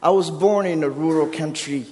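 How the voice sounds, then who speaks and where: Speaking at normal speed on the high side, this guest preacher is a man in his thirties from Burundi, a native Kirundi speaker with a Burundian accent. He delivers his sermon through warm stories and jokes at his own expense, his emphasis rising as he goes, while the church sanctuary's long reverb trails behind.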